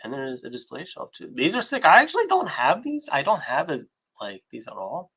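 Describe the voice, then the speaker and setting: A man appearing as a guest on a casual livestream, excitable and quick to laugh. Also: a little high, vocal fry, breathy edge. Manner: excitable, quick to laugh, lots of short backchannel replies. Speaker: stream guest.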